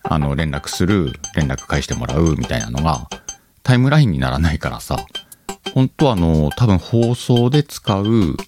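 This man runs a solo podcast, talking to listeners directly in a casual, conversational way and thinking out loud. His extremely low voice sounds very animated and darkish in tone at a normal speed. Music plays in the background.

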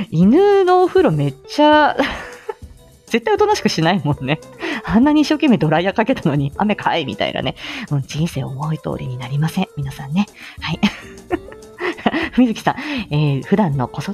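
A woman streamer chatting casually with her viewers, in a calm, low, clearly articulated voice with many filler words. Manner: chatty, frequent fillers, reads viewer comments. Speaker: streamer, voice reader. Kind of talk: casual livestream chat.

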